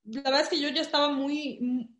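A woman's voice: high voice, a little fast, muffled recording. A woman with a Mexican Spanish accent, telling a story in casual chat, full of fillers. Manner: animated storytelling with many fillers. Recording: echoey room.

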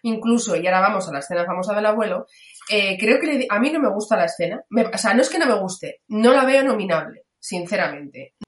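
A woman's voice: medium pitch, animated, fast. A woman giving frank, opinionated views on a film in casual conversation. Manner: frank, opinionated, retells scenes. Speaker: film podcast co-host. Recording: echoey room.

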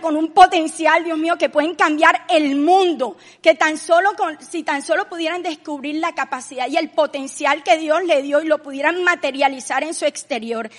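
A woman with a high, bright voice gives an earnest faith-based talk. She leans into emphatic, raised passages as she retells a story. The room adds a long reverb tail. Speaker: co-host.

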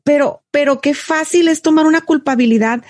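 A Mexican woman co-hosts a casual online talk show. She talks quickly and thoughtfully, with a somewhat high voice. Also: a little mellow. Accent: Mexican Spanish. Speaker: co-host. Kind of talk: casual chat. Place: remote call from home.

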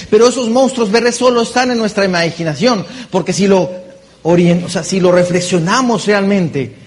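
High-voiced man giving a motivational talk. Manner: animated, tosses in rhetorical questions. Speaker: conference speaker. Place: conference stage.

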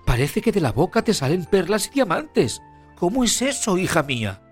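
Shrill bossy storybook mom, a man putting her on, high and loud, faint music behind. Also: very animated, moderate pace. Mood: astonished. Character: scheming shrill mother, quick to rage.

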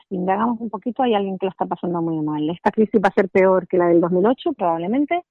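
A woman's voice: medium pitch, no echo. A woman from the Canary Islands with a Canarian Spanish accent, a parents' association president talking earnestly as a phone guest and repeating words as she searches for them. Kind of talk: casual interview over the phone. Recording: tinny dry phone line.

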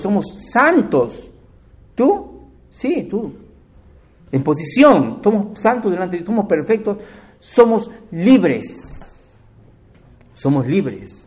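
With a fairly high-pitched voice, a preacher swings from forceful declarations to hushed asides in his sermon. He often turns to the audience with direct questions.

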